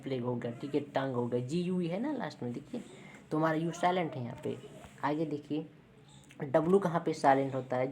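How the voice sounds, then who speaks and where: Low-voiced woman teaching a lesson. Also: warm tone. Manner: repeats points, checks in with "ठीक है". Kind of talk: classroom lesson.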